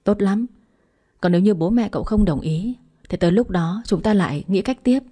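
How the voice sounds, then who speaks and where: Woman voicing loyal young woman friend, reassuring, upbeat, mellow. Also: medium pitch, moderate pace, slightly rough, natural voice. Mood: encouraging.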